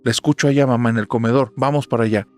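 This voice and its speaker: A man voicing a terrified young mother, pleading desperately and shouting for help in a spoken horror story. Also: medium pitch, steady tone, rapid-fire, soft background music, close to an everyday voice. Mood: urgent, pleading.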